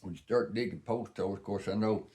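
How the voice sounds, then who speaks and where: Older male, Southern US accent, lowish pitch, casual folksy storyteller, unpolished and rambling. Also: quick pace, mellow. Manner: folksy, plain-spoken reminiscing. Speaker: vlogger.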